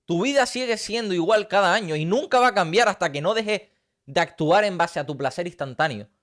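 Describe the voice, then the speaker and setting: A man's voice: high-pitched, lively intonation, fairly quick, fairly bright tone. A man, giving an intense, preachy motivational talk straight to camera and piling up rhetorical questions. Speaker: motivational coach. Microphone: talking straight to camera.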